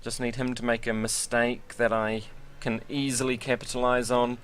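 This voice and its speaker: A man's voice: medium pitch, little pitch movement, normal speed, fairly bright tone, clear, resonant tone. A man giving casual, rambling and self-deprecating commentary while sim racing.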